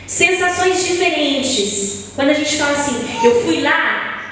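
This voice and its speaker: A woman's voice: high-pitched, a little hiss or hum. A woman leading a Bible study, asking the audience questions and answering them herself, drawing out her examples. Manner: lively, drawn-out emphasis on examples. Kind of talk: church Bible study lesson. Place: church hall. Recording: echoey hall, voice from far off, faint ambience.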